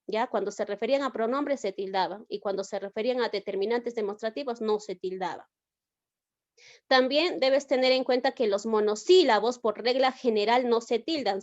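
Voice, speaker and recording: A woman's voice: a little high, a little mellow, dry recording, highs cut off. A woman teacher giving an online class, explaining step by step and often checking with the students. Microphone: video call.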